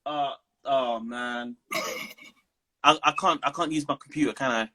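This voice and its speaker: A man being interviewed as a guest preacher, talking in a playful, animated way and laughing easily. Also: medium pitch, measured pace, a crowd in the background. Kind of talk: casual interview.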